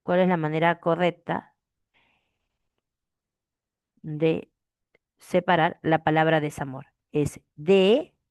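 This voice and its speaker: In a deep, flat voice, a woman teacher moves slowly through a grammar explanation with long pauses, her delivery smooth as she repeats key phrases and keeps asking "¿de acuerdo?". The classroom lesson is recorded dry, in studio quality.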